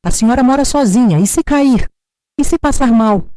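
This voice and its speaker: A woman's voice: on the high side, expressive, normal speed, mellow, dry recording, clean studio sound, voice pushed up, lightly acted. A woman voicing a scornful young daughter-in-law who mocks with false, sugary concern. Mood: needling. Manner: mocking, falsely caring.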